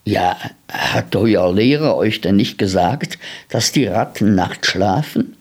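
A man reading a gentle, coaxing older man. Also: lowish voice, lively intonation, slow, breathy edge, full character voice. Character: kindly, curious older man with rabbits.

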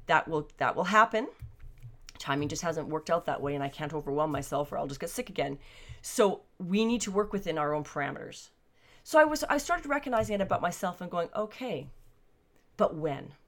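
An older woman talking candidly and conversationally to camera at home, thinking aloud about her life. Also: deep voice. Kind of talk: personal reflective monologue. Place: basement suite at home.

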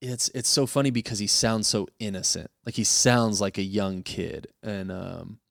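A man hosting a casual podcast chat, animated and quick to laugh. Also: lowish voice, creaky, no room sound, clean studio sound. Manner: animated, breaks into quick character impressions and laughs. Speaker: podcast host.

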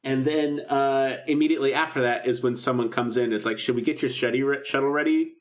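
In casual, enthusiastic fan talk, a male podcast co-host goes over the story of a radio drama. He speaks fairly quickly in a mid-range voice with fairly even intonation.

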